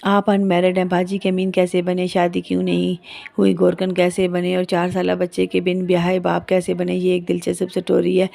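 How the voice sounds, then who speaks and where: Woman reading a preachy wise father in a story, mellow gravelly tone. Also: fairly low pitch, monotone, moderate pace. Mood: solemn. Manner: preachy, solemn. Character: wise fatherly man giving lessons.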